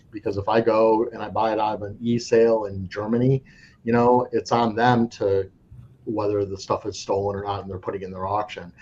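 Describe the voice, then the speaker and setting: Speaking in a fairly low, darkish voice, this man is a coin dealer guest in a casual interview. He rambles frankly and keeps restarting his sentences, captured on dull lo-fi audio with a faint background hiss.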